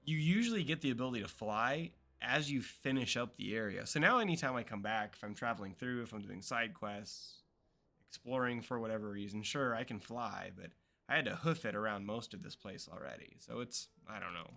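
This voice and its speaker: A man's voice: medium pitch, a little fast, vocal fry, pushed and bright. A young adult man chatting casually as a streamer while playing, reading game text aloud. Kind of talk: casual gameplay commentary.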